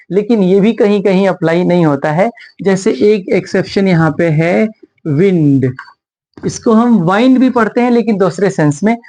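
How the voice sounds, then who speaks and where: A man's voice: high voice, a little mellow. A man teaching English pronunciation in a video lesson, patiently spelling out letters and repeating each example word. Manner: addresses viewers as friends in a patient, explaining tone.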